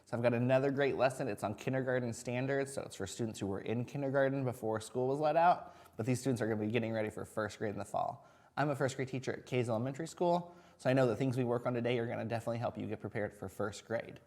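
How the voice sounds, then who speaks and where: A man's voice: medium pitch, darkish tone. A man teaching young children in a video lesson, encouraging, using simple words and asking frequent questions as if talking to little kids. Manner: encouraging, singles out and spells words slowly. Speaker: first grade teacher.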